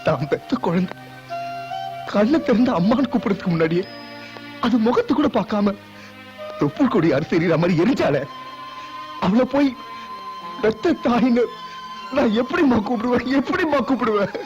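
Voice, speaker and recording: A man's voice: sits high, expressive, normal speed, long pauses, a little mellow. An actor dubbing a grown son who grieves and rages at his birth mother, speaking with passion and repeating his lines. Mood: anguished. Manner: impassioned, pleading, repeating lines. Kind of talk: dubbed film acting. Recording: muffled film soundtrack with music.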